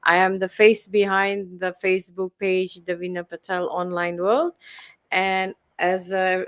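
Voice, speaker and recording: A woman's voice: lowish voice, level tone, a little slow, clean tone. A woman, a guest mentor telling her story earnestly and persuasively, with frequent fillers and restarts. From Fiji. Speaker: guest, online business mentor. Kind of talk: promotional personal-story talk.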